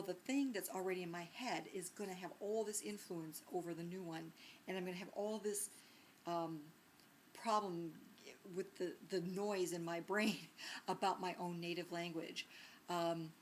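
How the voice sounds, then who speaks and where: With a faint background hiss or hum, a low-pitched woman teacher talks through a recorded lecture. She keeps it conversational, asking rhetorical questions often and filling her speech with ums and restarts.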